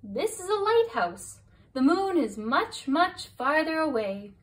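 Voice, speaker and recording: A woman voicing a wise, kindly old male crab in a storybook, gentle and encouraging. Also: high voice, very animated, slow, voice pushed up, heavily acted.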